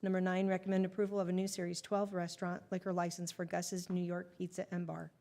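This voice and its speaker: Female city clerk, rapid monotone agenda reading, mellow timbre. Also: lowish voice, vocal fry. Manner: flat, businesslike reading. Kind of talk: reading agenda items aloud.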